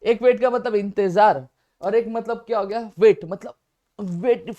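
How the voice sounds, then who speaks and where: A man teaching a grammar lesson, animated and jokey, who keeps checking that the class has understood. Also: sits high, measured pace, lo-fi sound.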